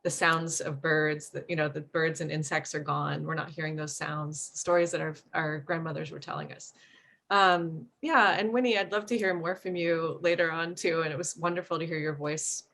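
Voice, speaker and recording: Moderator: woman, lower voice, appreciative, rambling questions. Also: fairly even intonation, moderate pace, creaky, fairly bright tone. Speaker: panel moderator. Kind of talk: panel discussion.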